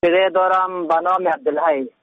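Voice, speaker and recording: A man's voice: sits high, steady tone, noisy background. A man from Afghanistan with a Dari accent gives a spoken announcement as a caller on a radio phone line. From Takhar, Afghanistan.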